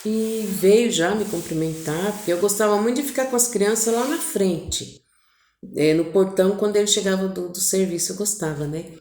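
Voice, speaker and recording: A woman telling her viewers a personal family story in an intimate, animated way, acting out what each person said. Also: medium pitch, moderate pace. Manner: intimate, animated retelling with voiced quotes. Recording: echoey room.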